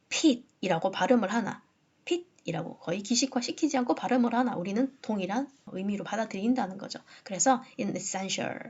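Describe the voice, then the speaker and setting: A woman's voice: mid-range voice, gravelly, a little mellow, slightly rough, highs cut off. A woman teaching English phonology in a lecture on the English quotes, who keeps checking in with her students. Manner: explanatory, frequent "자" and "그죠?" checks, reads English quotes slowly. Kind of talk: online lecture.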